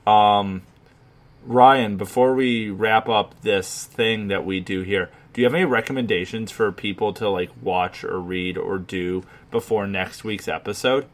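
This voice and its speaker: A man's voice: fairly low pitch, fairly even intonation, a little slow. Young man from chicago, podcast co-host, rambling casual chat, plenty of ums and swearing.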